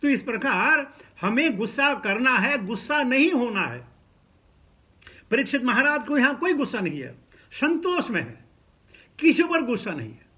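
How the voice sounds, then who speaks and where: In a very high-pitched voice, a man preaches scripture as an animated storytelling sermon, frequently chuckling and slipping English words into his speech.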